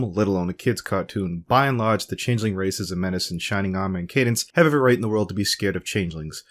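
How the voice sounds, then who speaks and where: Low-voiced man arguing a point. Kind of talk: video essay narration.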